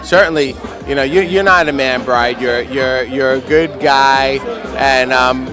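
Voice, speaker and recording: A man stumbles through a light-hearted wedding toast, full of restarts and playful boasts. Music and a lively crowd fill the background. His voice sits at an ordinary pitch. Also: a little slow. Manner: hesitant, jokey, self-boasting. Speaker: wedding guest.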